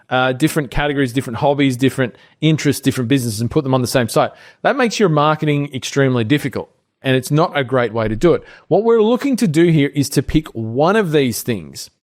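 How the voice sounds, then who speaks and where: This is a screen-share tutorial led by a middle-aged Australian co-host of a business training show. He explains things in a relaxed manner, thinking out loud with plenty of fillers, in a mid-range voice.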